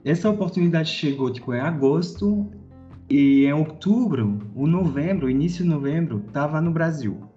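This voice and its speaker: On a podcast, a thirtysomething corporate director from France tells his career story with a French accent, hesitating often with fillers and restarts. His fairly high voice is warm and expressive at normal speed, though the audio is dull with soft music in the background.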